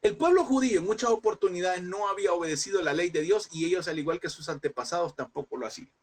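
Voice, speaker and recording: A man's voice: high-pitched, fast, darkish tone. A man teaching a Bible class in a preaching style, emphatic and repeating phrases, often calling listeners brother.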